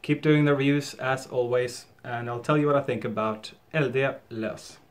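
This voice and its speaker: A man reviewing a product in a relaxed, thinking-aloud way, his voice going into a can he holds close to his face. His voice sits at a middle pitch, with easy fillers and quick restarts. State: talking into held can. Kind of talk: casual review vlog.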